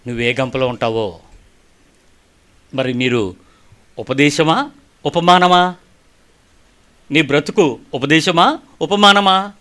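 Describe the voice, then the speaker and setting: A middle-aged male preacher giving a sermon, telling stories and firing rhetorical questions, moving between soft asides and emphatic lines. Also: mid-range voice.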